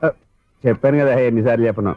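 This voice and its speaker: Actor as sarcastic worker, very fast talk, dry slightly dull film audio. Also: male voice, medium pitch, no echo, close to an everyday voice. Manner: quick-witted, sarcastic.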